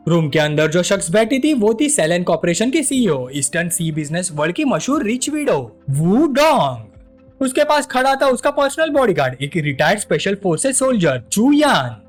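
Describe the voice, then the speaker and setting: A man's voice: sits high, sing-song, normal speed, soft background music. A man narrating a comic recap as a scripted story and voicing all of its characters himself.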